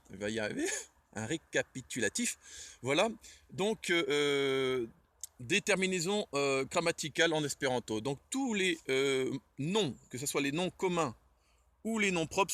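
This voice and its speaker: This Esperanto fan teaches the alphabet informally outdoors, shivering slightly in the chill. He speaks in a fairly high, somewhat bright voice with no room sound, stumbling through fillers and correcting himself repeatedly.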